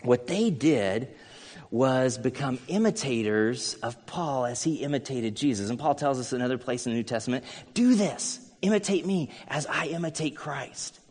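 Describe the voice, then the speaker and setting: A middle-aged man from the United States preaches a sermon as a pastor, earnest and conversational, weaving scripture together with personal stories and storytelling asides. His medium-pitched voice is expressive and somewhat dark, at a normal speed. A long hall reverb surrounds the recording.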